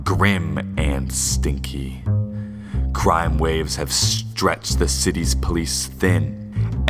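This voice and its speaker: A man with a very deep voice acts as the ominous, theatrical host and narrator of an old-time radio mystery serial. His delivery is brooding, grandiose and drawn out.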